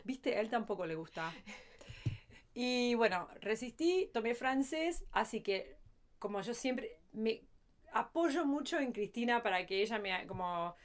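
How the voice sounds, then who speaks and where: A woman's voice: on the high side, lively intonation, a little slow. A woman with a light Argentine accent, chatting casually as a podcast co-host and telling stories with asides. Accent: light Argentine Spanish. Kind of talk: casual chat.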